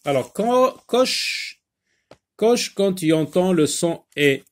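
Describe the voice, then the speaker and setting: A man teaching a phonics lesson, spelling out letters and sounds slowly, with many filler pauses. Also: high voice, animated.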